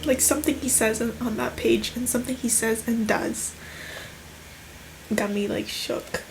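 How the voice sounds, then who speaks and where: A woman's voice: fairly high pitch, fairly even intonation, moderate pace, rough recording. A young woman vlogging casually about her reading, chatty and gushing in her reactions. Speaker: book vlogger. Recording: music playing under the voice.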